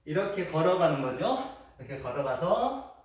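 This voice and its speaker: In an unedited casual demonstration, a man walks through a traditional Korean game step by step, chatting and exclaiming often while he moves. He speaks at normal speed in a fairly high voice with big pitch swings, captured by distant, echoey camera audio with faint noise.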